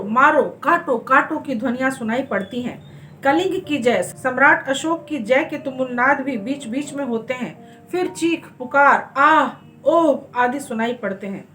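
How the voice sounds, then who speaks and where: A woman hosting her channel, reading a stage play aloud with a measured storytelling delivery. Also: on the high side, a bit bright. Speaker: channel host and reader.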